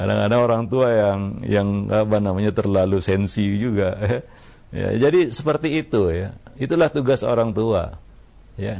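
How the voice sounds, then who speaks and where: Unhurried preacher with a gravelly voice. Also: male voice, lowish voice. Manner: calm, unhurried, frequent "ya" tags. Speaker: Islamic preacher answering questions. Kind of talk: religious advice talk on parenting.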